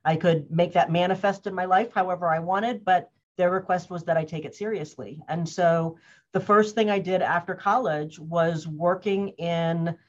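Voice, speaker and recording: Woman, fifties, lowish voice, reflective podcast guest, lo-fi recording. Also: steady tone, normal speed. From US, grew up in Cambridge, Massachusetts. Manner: thoughtful, loose, with many fillers and restarts. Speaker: guest, organizational wellness consultant. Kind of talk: casual interview talk.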